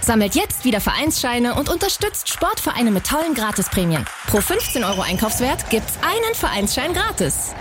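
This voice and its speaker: A woman reads a radio commercial with cheerful delivery. Her voice is high and bounces through a wide range. Music plays clearly underneath. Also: big pitch swings, normal speed. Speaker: advertising voice-over. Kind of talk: radio ad read.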